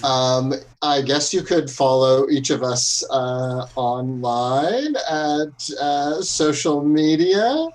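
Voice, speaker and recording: A woman in an improvised comedy scene with a strikingly deep voice. She keeps her lines dry and matter-of-fact. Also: expressive, slow, few pauses, a little mellow. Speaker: improv performer.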